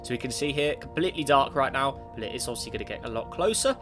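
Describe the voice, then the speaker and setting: A sniffly gaming YouTuber with a cold comments on a space sim in a mid-range, animated, fast voice. He rambles, corrects himself, and talks to the game while background music plays clearly.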